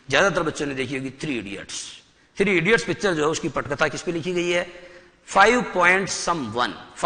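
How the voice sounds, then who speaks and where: Man teacher lecturing, bright sharp voice, long echoey room. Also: fairly high pitch. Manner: explains slowly and quizzes the class with questions; reads English definitions out slowly, then explains them. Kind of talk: classroom lecture to students. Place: satellite classroom studio.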